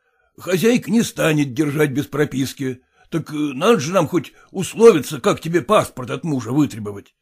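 A man voicing a stern elderly father who coaxes his daughter in a gruff, insistent way. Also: on the high side, expressive, moderate pace.

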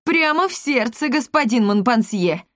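Storybook cat servant, male, eager and fawning, high and bright, voiced by a woman. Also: animated, moderate pace, no echo, clean studio sound, close to an everyday voice. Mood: gushing. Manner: gushing, eager.

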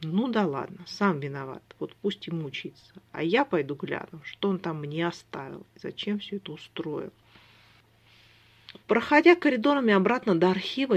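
A reader giving wry, expressive first-person audiobook narration. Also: medium pitch. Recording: dull lo-fi recording.

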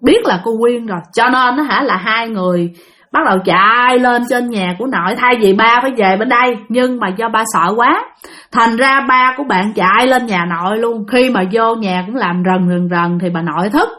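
A woman with a Southern Vietnamese accent telling a ghost story to her listeners in a lively, chatty way, acting out the voices of the people in it. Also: fairly high pitch, moderate pace. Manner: lively, addresses listeners directly, acts out voices. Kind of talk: spoken ghost story narration.

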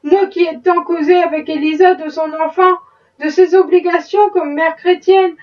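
Woman reading pious indignant wife, high voice, earnest pleading, muffled distant sound. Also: fairly even intonation, normal speed, faint music behind. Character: plantation wife, middle-aged, pious, indignant.

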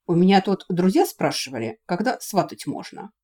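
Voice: medium pitch, very animated, normal speed, darkish tone. A reader voicing a male vampire, a wry and curious family friend.

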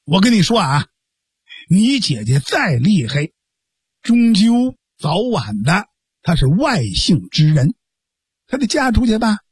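A man's voice: high voice, very animated, breathy edge, dry recording, exaggerated voice. A man voicing a righteous young man who scolds and coaxes his foolish sworn brother firmly. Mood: coaxing. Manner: scolding, firm, measured.

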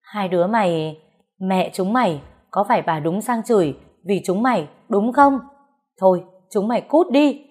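An enraged middle-aged father yells harsh threats at his own children, as a woman storyteller puts him on. His voice comes out raised, hard and loud in this audio story. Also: fairly low pitch, quick pace, hardly any pauses, close to an everyday voice. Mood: furious.

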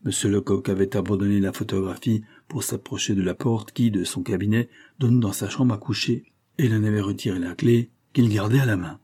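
A man's voice: on the low side, fairly quick, dark tone, breathy edge. A man steadily narrating a classic novel as an audiobook reader.

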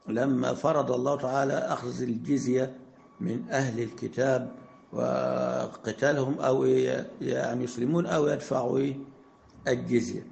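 Gravelly Egyptian sheikh teaching grammar. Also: male voice, mid-range voice, a little mellow, a little hiss or hum. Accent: Egyptian Arabic. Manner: conversational, asks questions and answers them himself; recites Quranic verses in a raised voice. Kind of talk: classroom lesson.

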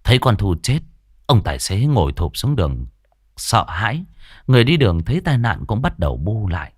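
Give me a lively male ghost story narrator. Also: on the low side, brisk, no room sound. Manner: dramatic, expressive. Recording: dry studio voice with faint music.

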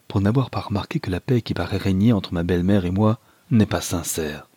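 A man's voice: sits low, a little mellow, husky, dry recording. A man voicing a torn young mother and wife, earnest and pleading, in an audiobook reading.

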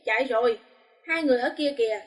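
A greedy, scheming male paparazzo, as a woman narrator puts him on, sneering and quick-tongued. The voice sits fairly high and rings out with a long reverb. It comes from a storybook narration. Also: darkish tone, husky.

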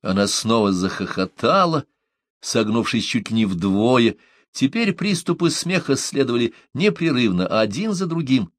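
Man narrating an audiobook, even measured reading, mid pitch, dry close mic. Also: dry recording.

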